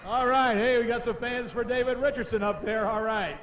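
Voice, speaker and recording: Male tractor pull announcer with a high voice and showy repeats, heard through a muffled, echoey PA. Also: steady tone, a little hiss or hum. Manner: repeats names with drawn-out showmanship. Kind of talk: live event announcing to fans. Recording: dull, echoing arena PA.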